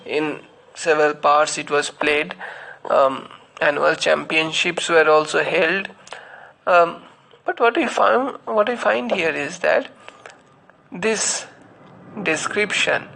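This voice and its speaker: A man's voice: on the high side, creaky, bright, forceful tone. A man giving a literature lecture, explaining step by step with many fillers and spelling out names letter by letter. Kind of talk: spoken lecture.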